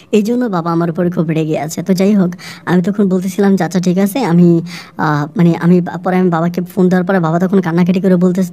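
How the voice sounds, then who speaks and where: A woman with a Bangladeshi Bengali accent retelling a true story in the first person, brisk and emotional, with dialogue quoted throughout. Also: fairly low pitch, mellow.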